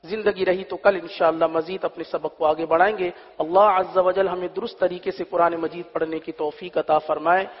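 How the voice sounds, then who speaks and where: A high-voiced man teaches a Quran reading lesson. He drills the letters slowly, chants the verses and explains briskly in between. The audio is dull and carries a long reverb. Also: steady tone.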